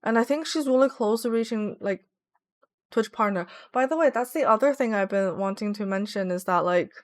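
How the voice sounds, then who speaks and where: A young woman with a mid-range voice and moderate pace chats casually during a home gaming livestream on Twitch, rambling and saying "like" a lot. The audio has no echo and a clean studio sound.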